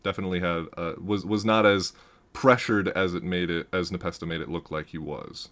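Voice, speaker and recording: A man with a deep, low voice talks through a game replay in a loose, rambling way. He restarts his sentences, laughs often and gets loud when something excites him. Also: a little fast. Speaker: gaming commentator reviewing a match. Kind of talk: casual game analysis commentary.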